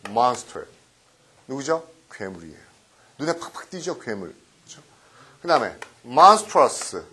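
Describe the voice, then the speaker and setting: A middle-aged man teaching English vocabulary in a recorded lecture, often quizzing his students with quick questions and tag checks. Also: medium pitch, a bit bright, breathy edge. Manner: mixes English words into explanations.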